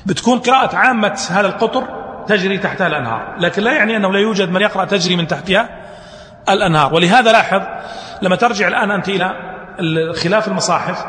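A man's voice: high voice, very fast, a bit bright, reverberant, long reverb tail. A male teacher giving a classroom lecture, asking his students questions and answering them himself, mixing colloquial and formal speech. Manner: colloquial Gulf Arabic mixed with formal speech.

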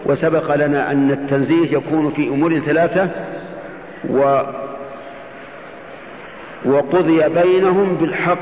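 A man teaching as a religious scholar, giving Quran commentary in classical Arabic and often posing questions that he then answers. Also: fairly high pitch. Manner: didactic, poses questions and answers them. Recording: muffled, echoey hall, faint noise.

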